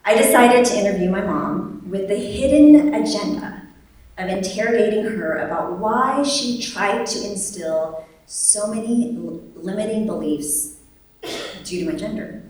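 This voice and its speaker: A young adult woman, born in Vietnam and raised in the United States, telling a personal story on stage with wry humor and animated quoted voices. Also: medium pitch, measured pace. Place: large echoey venue at a live event. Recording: echoey hall, distant mic.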